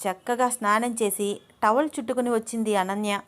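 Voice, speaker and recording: A woman's voice: a little high, fairly quick, clear, resonant tone. A woman narrating a romance story in storyteller style, doing each character's lines herself. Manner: voices every character herself, lively.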